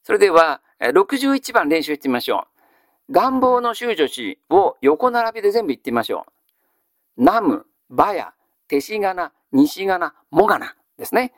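A male teacher giving a grammar lesson. He asks a question, then answers it himself in a measured way. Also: high voice, very animated, dry recording, studio quality. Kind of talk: classical Japanese grammar lesson.

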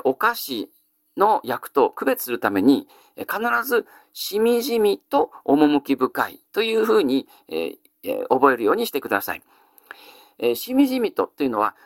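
Male lecturer, animated and fairly high, stretched "eh" fillers between phrases. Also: no room sound, clean studio sound. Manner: frequent drawn-out "eh" fillers. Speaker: teacher. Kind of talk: explanatory lecture.

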